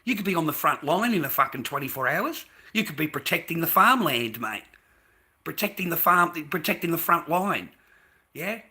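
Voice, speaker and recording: A man's voice: fairly high pitch, lively intonation, moderate pace, bright, forceful tone. A middle-aged Australian man ranting angrily on a livestream, aggressive and full of profanity. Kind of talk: angry livestream rant.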